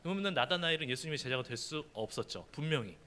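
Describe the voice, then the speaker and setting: A man preaching a youth sermon, quizzing the congregation with questions in an animated way. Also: a little high, very fast.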